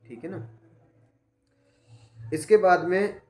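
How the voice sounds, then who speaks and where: A man teaching a class gives patient, step-by-step spoken feedback, often checking that he has been understood. His high, darkish voice moves slowly with fairly even intonation, and the room adds an echo.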